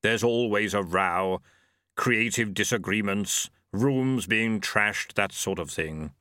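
A man voicing Death, a grave skeletal figure who speaks slowly and deliberately. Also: sharp tone, no echo, studio quality. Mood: wry. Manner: deep, slow, measured. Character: Death, a grave, slow-spoken male skeleton.

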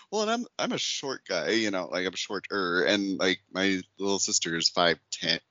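Man, podcast co-host, low voice with a bright, pushing edge, laughs a lot, swears, dull dry lo-fi sound. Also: very animated, normal speed, dry recording. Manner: laughs often and swears freely; reads article passages aloud sarcastically. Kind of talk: casual chat.

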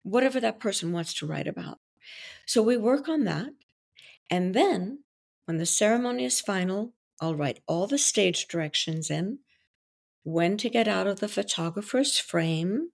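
Speaking at a normal pace with a medium pitch and some vocal fry, a Belgian woman whose native language is French explains her wedding coaching and officiating work. The setting is a podcast interview, and she sounds confident and theatrical, with an expressive delivery.

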